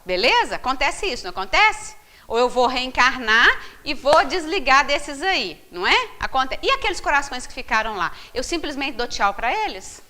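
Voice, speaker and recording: A woman leading a book study group, animated and constantly checking in with her listeners through rhetorical questions. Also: sits high, normal speed. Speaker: spiritist study group leader.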